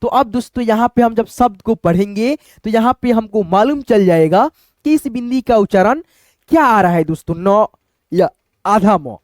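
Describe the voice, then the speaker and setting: A man's voice: sits high, moderate pace, dry recording, clean studio sound. A man teaching a basic spelling lesson, calling his viewers friends and stretching out words as he sounds them out. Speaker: English teacher. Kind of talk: chalkboard-style lesson explaining spelling.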